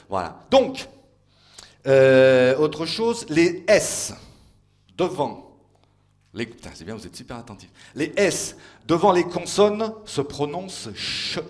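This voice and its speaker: A man from France of Italian family doing stand-up on stage as a teasing mock teacher, full of playful asides. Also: on the high side. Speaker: stand-up comedian. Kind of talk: comic mock language lecture on stage. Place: stage before a live audience.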